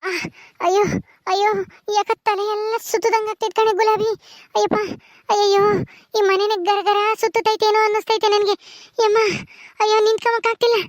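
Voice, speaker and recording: A woman's voice: very high-pitched, fast, no echo, studio quality. A woman with a rural Karnataka accent plays a bossy, short-tempered mistress of a village house who nags and scolds. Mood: dizzy, wailing. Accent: rural Karnataka Kannada. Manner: scolding, nagging, sharp-tongued. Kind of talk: homemade village drama.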